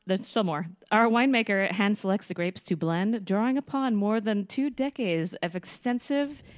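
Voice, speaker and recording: A woman's voice: medium pitch, moderate pace, dry recording. A woman co-hosting a casual podcast, giggly and joking as she reads a wine label aloud, a little sick with an occasional cough. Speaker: podcast co-host. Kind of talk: casual chat.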